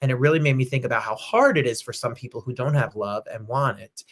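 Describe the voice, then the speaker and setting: A man's voice: mid-range voice, fast talker. A man hosting a casual livestream chat show from home, upbeat and chatty, greeting viewers by name. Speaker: host.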